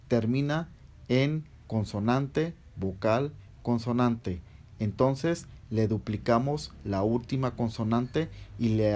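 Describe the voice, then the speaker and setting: A man's voice: mid-range voice, darkish tone. A man teaching English verb rules in a patient, step-by-step lesson, spelling out letters one by one. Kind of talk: slow step-by-step grammar explanation.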